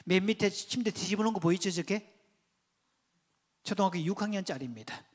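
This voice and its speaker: A man's voice: high voice, lively intonation, brisk. A man giving a church seminar lecture on parenting, telling counseling stories and asking the audience questions. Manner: conversational, asks the audience questions; tells counseling stories and points at slides. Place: church hall before an audience.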